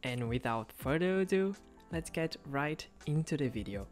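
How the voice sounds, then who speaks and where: A web developer vlogger whose first language is Portuguese narrates a coding project in an upbeat, casual voice-over. His voice is a little high with lively intonation at a moderate pace, over soft background music.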